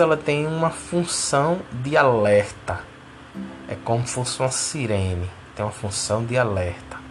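Male teacher, methodical and repetitive, mid pitch. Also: background noise. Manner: repeats key words, checks in with "tá?". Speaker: teacher of a spiritual course. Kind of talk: didactic explanation.

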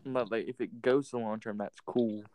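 A man's voice: lowish voice, fairly even intonation, normal speed, darkish tone, low-quality recording. A man hosting a casual podcast chat, rambling in a laid-back way and saying "bro" and "like" a lot. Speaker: podcast host.

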